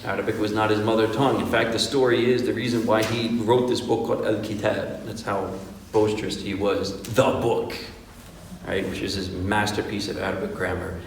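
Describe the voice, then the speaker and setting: An imam with a lowish, flat voice gives an informal Quran workshop lecture at a moderate pace, demonstrating Arabic pronunciation as he goes. He keeps it conversational, tossing in rhetorical questions like "right?" and "okay?". The recording comes from an echoey hall with the mic far away and a little background noise.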